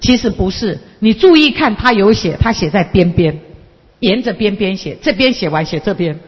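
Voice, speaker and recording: A woman's voice: mid-range voice, normal speed, husky. A woman, a counseling lecturer telling a story to an audience and acting out the dialogue. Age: 50s. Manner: lively, acts out dialogue and mimics people. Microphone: handheld microphone. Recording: echoey hall, dull lo-fi sound.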